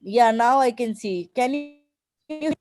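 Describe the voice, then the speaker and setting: A woman's voice: a little high, slow pace, a little mellow, soft background music. Woman's voice breaking up on a bad connection. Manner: laughs easily, chatty. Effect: voice cutting in and out on an unstable internet connection. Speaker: student in online scripture class. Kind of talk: casual chat on a video call. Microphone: computer on a video call.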